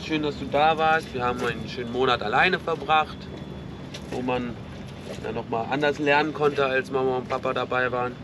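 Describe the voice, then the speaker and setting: A man in his thirties talks in a relaxed, easygoing way while sitting on the deck of a sailboat. His voice sits mid-range, and heavy wind and boat noise roar on the camera's track. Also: mid-range voice, normal speed. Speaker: sailing vlog co-host. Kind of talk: casual chat.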